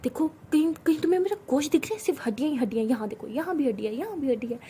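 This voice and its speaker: A woman voicing a feisty, sharp-tongued young college woman who answers with mocking, taunting retorts. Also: sits high, expressive, very fast, slight background noise.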